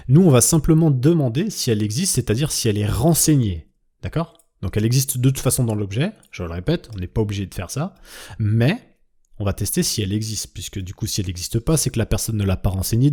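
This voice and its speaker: A coding instructor with a lowish, mellow, husky voice walks viewers through a tutorial on his screen step by step. He often checks in with "d'accord?" and thinks aloud as he types, letting his sentences trail off.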